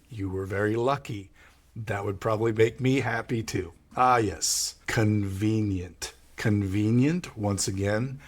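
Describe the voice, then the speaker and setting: A man with an American accent teaching English vocabulary, patiently explaining each word and repeating the key ones. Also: on the low side. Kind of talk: vocabulary lesson.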